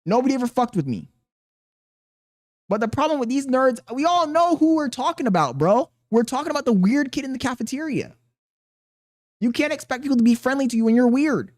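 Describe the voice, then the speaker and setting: Hosting a reaction video, a man with a thin, very high voice chats casually with viewers, blunt, mocking, and profane as he reacts. His pitch swings widely and his pace is brisk.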